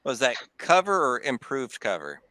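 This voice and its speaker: A man's voice: mid-range voice, wildly swooping pitch, moderate pace, pushed and bright, no echo. A man playing a tabletop game, double-checking numbers and rules with the game master. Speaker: player. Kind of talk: tabletop game play over voice chat.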